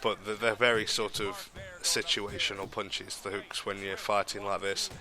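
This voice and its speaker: A young gaming commentator talks over his boxing game in a low, nasal voice, his nose blocked by a cold, with a crowd in the background. His delivery is flat and even at a moderate pace, rambling through ums and restarted sentences as he explains his tactics in casual gameplay commentary.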